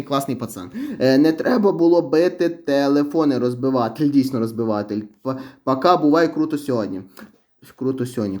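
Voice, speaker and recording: A young man talks quickly in a loose, rambling vlog style. He sounds wry and offhand, as if reading out viewer comments. His voice sits at a middle pitch for a man. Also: warm tone. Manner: chatty, rambling, wry about his own channel. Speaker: vlogger.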